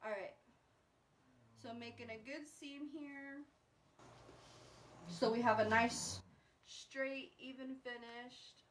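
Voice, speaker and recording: A woman's voice: a little high, steady tone, slow pace, long pauses. A woman hosting a casual crafting livestream, chatting viewers through each step on a new microphone that makes her sound like she is talking through a pipe. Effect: muffled sound, as if talking through a pipe. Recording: distant, pipe-like sound with faint background noise.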